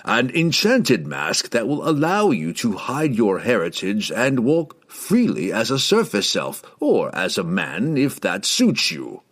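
A man reading aloud, voicing an old male wizard who speaks slowly and ominously. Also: lowish voice, wildly swooping pitch, a bit bright, breathy edge, exaggerated voice. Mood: grave. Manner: slow, measured, ominous delivery.

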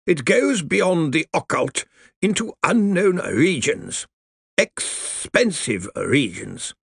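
A man voicing zombie lawyer, crackly, slow, measured, higher voice, storybook. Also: very animated, vocal fry, fairly bright tone, husky, no room sound, clean studio sound, heavily acted. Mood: grave. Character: crackling zombie male lawyer, grave and dry.

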